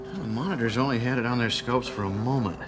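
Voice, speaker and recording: An actor in a radio drama playing a businesslike, cautious military general with a matter-of-fact, authoritative manner. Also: male voice, mid-range voice, quick pace, close to an everyday voice. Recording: clear ambient noise behind.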